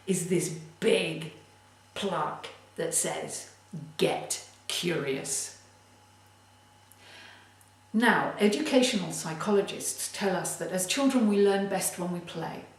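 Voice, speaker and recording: A woman giving a motivational tip as a creativity coach, speaking in a deliberate, emphatic way. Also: on the low side. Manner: slow, deliberate, emphatic delivery. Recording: very echoey room, distant mic.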